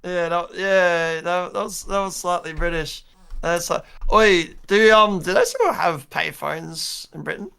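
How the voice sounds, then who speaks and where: A man's voice: high-pitched, animated, measured pace, gravelly, bright, forceful tone, clean tone. A man calling in to chat, laid-back and hesitant, full of fillers and swearing. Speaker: caller. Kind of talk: casual chat.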